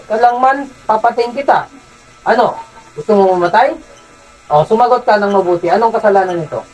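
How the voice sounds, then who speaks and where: A man's voice: very high voice, a little mellow, slightly rough, poor audio. Insistent faith healer man, commanding. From Zamboanga City, Philippines. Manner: insistent, repeats questions, commanding. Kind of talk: healing session, interrogating a spirit.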